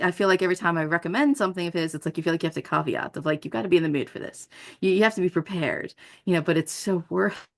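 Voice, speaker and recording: A woman's voice: fairly low pitch, fairly bright tone. A woman hosting a casual film podcast, rambling, laughing often and acting out her reactions. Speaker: podcast host.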